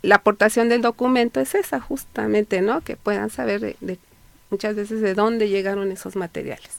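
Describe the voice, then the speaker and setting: Speaking in a dry radio studio, a Mexican historian with a Mexican Spanish accent gives long explanations as an interview guest, full of fillers and restarts. She has a gravelly, medium-pitched voice with a steady tone and moderate pace.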